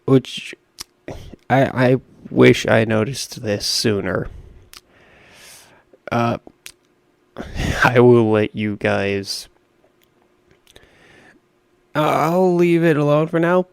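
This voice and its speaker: Raspy, creaky-voiced man rambling over gameplay. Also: medium pitch, drawn-out words, long pauses, no room sound. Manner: rambling, self-deprecating, lots of fillers. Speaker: gaming YouTuber. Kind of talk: casual gameplay commentary.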